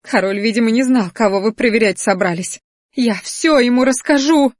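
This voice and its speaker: The narrator voicing a spoiled young female student who sobs and shrieks in a high, whining voice. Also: brisk, dry recording, studio quality, lightly acted. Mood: sobbing. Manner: shrill, sobbing, whining.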